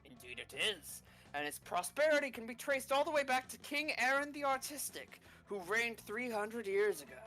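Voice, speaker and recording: A woman voicing a well-travelled tavern regular telling tales in a measured, knowing way for a game. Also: a little high, sing-song, a bit bright, faint music behind, poor audio. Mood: reminiscing.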